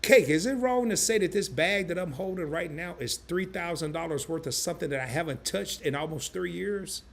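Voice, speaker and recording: A man hosting a casual live stream, animated and chatty, reading viewer comments aloud in loose slang. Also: fairly high pitch, brisk, gravelly. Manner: animated, chatty, repeats himself.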